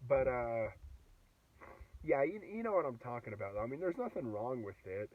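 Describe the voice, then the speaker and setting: A man's voice: medium pitch, big pitch swings, moderate pace. Young man with a sore throat, rambling. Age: 20s. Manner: rambling, heavy with fillers and restarts. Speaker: vlogger. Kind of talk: casual vlog monologue. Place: inside a car. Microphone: phone. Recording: dull, distant phone audio in a car.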